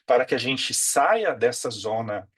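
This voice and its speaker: A man delivers a spiritual lecture in a husky, slightly breathy voice at a middle pitch. He speaks reflectively, poses rhetorical questions and keeps checking in with his audience. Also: expressive, unhurried, fairly bright tone. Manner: reflective, asks rhetorical questions, frequent tag questions.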